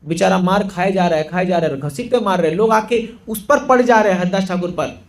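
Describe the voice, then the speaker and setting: A man preaching to a congregation, telling a story in an animated way and acting out the characters' lines. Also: high-pitched, fairly quick. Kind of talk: storytelling sermon.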